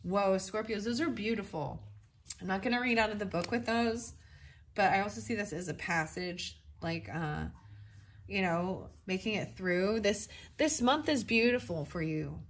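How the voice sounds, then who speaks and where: A young woman giving a casual tarot reading, thinking aloud and often breaking into excited exclamations. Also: medium pitch, normal speed. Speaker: tarot reader.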